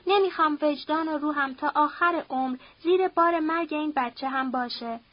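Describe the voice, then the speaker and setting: A woman's voice: high-pitched, dry recording, muffled recording, close to an everyday voice. A woman reading an audiobook, voicing a desperate young widowed daughter who begs and weeps. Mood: pleading. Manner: pleading, tearful, begging.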